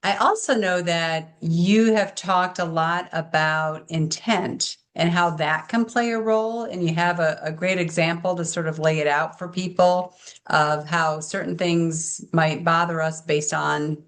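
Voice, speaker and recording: A woman's voice: fairly low pitch, steady tone, measured pace. A woman co-hosting a podcast, affirming her guest's points and asking follow-up questions. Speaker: podcast co-host and interviewer. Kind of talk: podcast interview.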